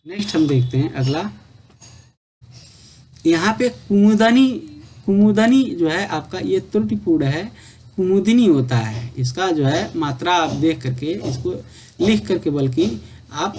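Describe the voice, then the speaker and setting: A man with a slightly high voice runs through exam spelling corrections one after another, repeating each right form. A faint hiss of noise sits under the voice. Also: dark tone. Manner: repetitive, drilling corrections with filler "आपका". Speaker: exam prep teacher. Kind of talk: spelling lesson for exam prep.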